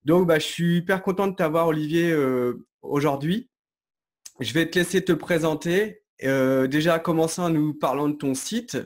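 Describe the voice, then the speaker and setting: A man's voice: on the high side, normal speed. Chatty man hosting an interview. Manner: friendly, chatty, thinks aloud with fillers. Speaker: host, interviewer. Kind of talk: casual interview talk.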